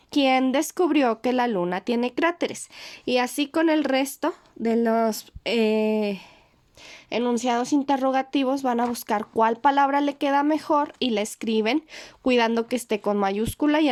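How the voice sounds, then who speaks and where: A woman with a Mexican accent, a teacher patiently walking pupils through a homework sheet, slowing down on key words and checking in often. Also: on the high side, darkish tone. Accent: Mexican Spanish. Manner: slows down to stress key words.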